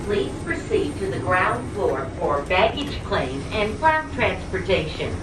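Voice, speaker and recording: A woman's pre-recorded announcement plays over a train station loudspeaker, slow, formal and measured, with a lively rise and fall in pitch. It echoes from a distance, with loud train noise all around it.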